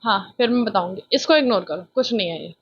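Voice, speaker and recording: A young woman from India with a childlike voice, chatting loudly and excitably through a casual vlog, filmed on a phone on a tripod. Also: medium pitch, quick pace, husky, dull audio. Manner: chatty, self-mocking, loud and excitable. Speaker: vlogger.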